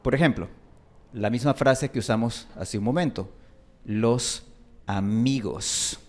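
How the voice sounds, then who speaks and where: With a darkish tone, a man teaches a language class, his Ecuadorian highland Spanish accent clear as he spells out example words and repeats them on purpose.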